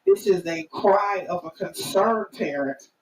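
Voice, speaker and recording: A middle-aged or older woman, hosting a live stream in an earnest, halting, emphatic way. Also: medium pitch. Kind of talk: informal spoken commentary to viewers. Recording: roomy, distant mic, faint noise.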